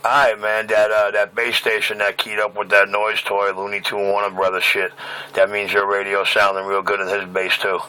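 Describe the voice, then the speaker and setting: A man on an off-frequency CB radio transmission, calling out across the channel in loose, joking banter. His voice sits on the low side and is buried in loud, crackling static. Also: completely flat delivery, moderate pace. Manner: calls out over the channel, joking and rambling. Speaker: CB radio operator. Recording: heavy static over CB radio.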